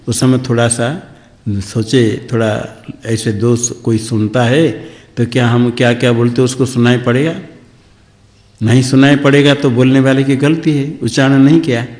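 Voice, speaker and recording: A swami teaching scripture, chanting verses and then explaining them plainly, repeating points about clear pronunciation. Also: male voice, medium pitch, little pitch movement, a little slow, a little mellow, big-room sound.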